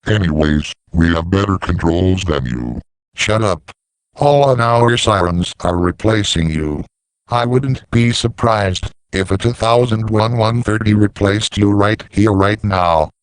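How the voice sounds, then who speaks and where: A man voicing scripted dialogue for an animated story about talking machines. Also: fairly low pitch, measured pace, clean tone, no echo, low-quality recording. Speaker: voice of talking siren characters.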